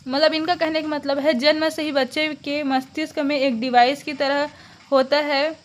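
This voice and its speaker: A woman's voice: high-pitched, little pitch movement. A young woman teaching an exam-prep lesson, reading out definitions and then restating them simply. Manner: explains terms slowly, repeating them.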